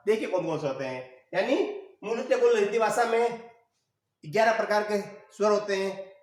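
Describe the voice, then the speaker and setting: A man's voice: high-pitched, moderate pace. A male Hindi teacher giving a classroom lecture, repeating terms and answering his own questions. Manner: repetitive, rhetorical questions answered himself. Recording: echoey room, mic far off.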